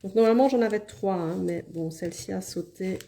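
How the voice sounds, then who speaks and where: Woman, Liège accent, live-stream card reader; warm, mellow tone, chatty and self-deprecating, drifts off-mic now and then. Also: mid-range voice, a little fast, gravelly. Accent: Liège Belgian French. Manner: chatty, apologetic asides, reads viewer comments aloud.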